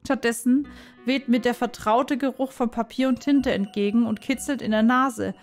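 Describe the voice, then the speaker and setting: A woman reading a visual novel aloud in first person, soft, reflective and dramatic. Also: fairly high pitch, fairly even intonation, normal speed, faint music behind. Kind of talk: expressive first-person game narration.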